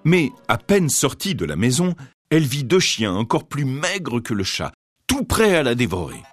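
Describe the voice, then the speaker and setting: A man reading a fairy tale aloud with expressive storytelling. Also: medium pitch, normal speed, soft background music.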